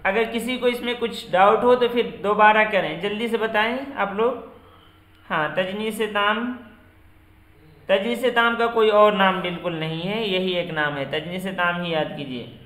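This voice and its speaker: A man with a high, bright voice teaches an online literature class. He explains slowly, repeats each term and quizzes his students by name. He sits back from the mic in an echoey room. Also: far from the mic.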